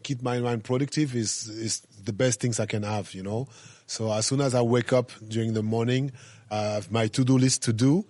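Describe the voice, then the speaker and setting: A man's voice: mid-range voice, steady tone, normal speed, darkish tone, no room sound. A middle-aged man with a French accent, a hotel owner talking casually in broken English full of fillers. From France. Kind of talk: casual interview talk.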